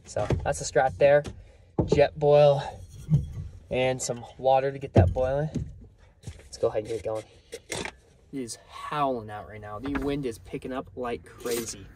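Excitable young man vlogging outdoors. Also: mid-range voice, unhurried, pauses often, heavy background noise. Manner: excitable, chatty, addresses viewers as guys. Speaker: fishing vlogger. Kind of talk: casual outdoor vlog. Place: riverbank outdoors, then inside a truck camper.

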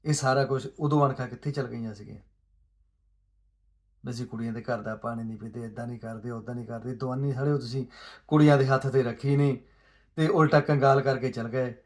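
A man giving an earnest, pleading social commentary monologue, asking rhetorical questions and moving between soft asides and raised emphasis. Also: medium pitch, fairly even intonation, fairly quick.

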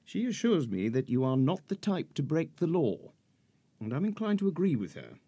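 An actor playing a pompous, fussy middle-aged lawyer in a period radio drama, formal and precise about legal procedure. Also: male voice, on the high side, big pitch swings, moderate pace, warm tone, breathy edge, full character voice. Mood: stern. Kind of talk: 1940s-set radio drama acting.

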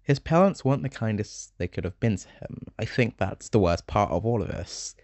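Lively, low-voiced teen video essayist. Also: male voice, normal speed, dry recording. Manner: chatty, joking asides, dark humor. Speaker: YouTuber summarizing a game.

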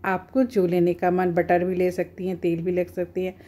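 A woman's voice: fairly low pitch, completely flat delivery, moderate pace, mellow. A woman at home, talking viewers through a cooking recipe step by step in a plain, homely, instructive way. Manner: homely, instructive, often says "dekhiye".

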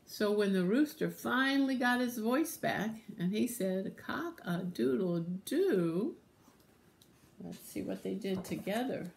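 A woman teacher reading a picture book aloud to young children, animated, with gasps and whispered asides, and speaking to the children directly to encourage them. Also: on the high side, gravelly.

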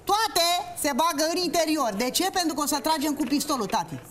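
Loud joking magician man in studio. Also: very high-pitched, expressive. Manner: loud, bossy, joking banter. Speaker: magician guest. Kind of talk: comic magic act on live TV. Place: bright morning TV studio with music.

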